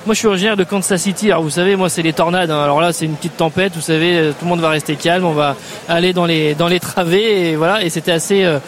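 A man reporting live from inside a stadium, unhurried and descriptive, with frequent fillers. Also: fairly high pitch, steady tone, a little hiss or hum. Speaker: pitchside reporter. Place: stadium outdoors.

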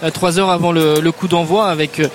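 High-voiced male reporter in a stadium. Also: fairly even intonation, slight background noise. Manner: descriptive, unhurried, frequent fillers. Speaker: pitchside reporter. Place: stadium outdoors.

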